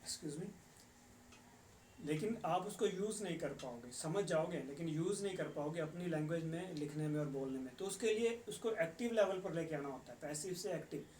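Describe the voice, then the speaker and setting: A man teaching English in a patient, explanatory way, slowing down for English phrases. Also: fairly high pitch, darkish tone, a little hiss or hum. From Punjab. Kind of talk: explanatory lesson. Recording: echoey, distant room mic with faint ambience.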